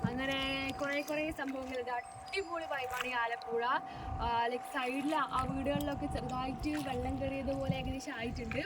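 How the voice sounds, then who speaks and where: Malayali girl vlogger from north kerala, highish voice, excited chatty, mixes english into malayalam, pretty noisy outdoor audio. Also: normal speed. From Wayanad, Kerala, India. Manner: enthusiastic, addresses viewers constantly. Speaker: travel vlogger. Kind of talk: casual travel vlog narration to viewers. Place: outdoors by backwaters, paddy fields and on a canoe. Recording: noisy outdoor recording with ambient sound.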